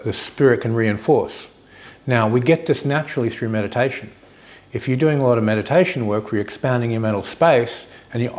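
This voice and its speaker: A man teaching informally, explaining step by step with pauses as he finds his words. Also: fairly low pitch. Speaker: teacher of hypnotherapy and meditation.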